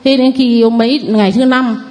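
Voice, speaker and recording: A woman's voice: on the high side, steady tone, normal speed, a little mellow. A woman in her forties with a northern Vietnamese accent, giving a nervous, rambling, deferential testimony to a priest. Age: 40s. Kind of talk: spoken testimony.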